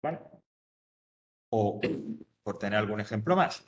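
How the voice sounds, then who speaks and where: A man's voice: fairly low pitch, animated, measured pace, reverberant. A man teaching English grammar to an adult class, patiently repeating each point step by step. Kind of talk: classroom explanation.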